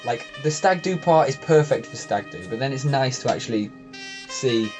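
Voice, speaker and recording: Brief: English male co-host, casual and jokey, animated delivery. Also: medium pitch, normal speed, music in the background. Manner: jokey, laughs often, rambling storytelling. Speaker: podcast co-host. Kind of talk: casual chat.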